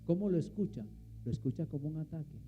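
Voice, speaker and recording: A man's voice: a little high, expressive, fast, phone-quality sound, faint music behind. A man preaching a sermon, asking the congregation questions and answering them himself. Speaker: pastor.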